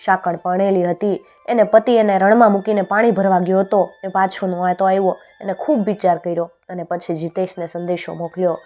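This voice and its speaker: A woman telling a traditional folk tale in an expressive storytelling voice, lifting her voice for the characters. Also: mid-range voice, moderate pace, hardly any pauses. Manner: expressive, raises voice for quoted characters. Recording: dull lo-fi sound with faint music.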